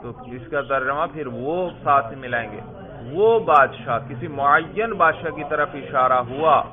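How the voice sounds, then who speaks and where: A man teaching a grammar class in a steady mid-range voice. He quizzes students and drills each answer back. The sound is thin and phone-like. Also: mid-range voice. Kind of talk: classroom lesson.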